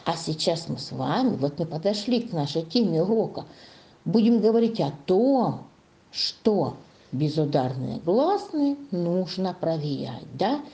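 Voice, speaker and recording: A woman teaching a primary school class, coaxing the children with sing-song questions and drawing out words slowly as she dictates. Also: fairly low pitch, big pitch swings, warm tone. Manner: slow, drawn-out dictation to young children. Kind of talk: classroom lesson.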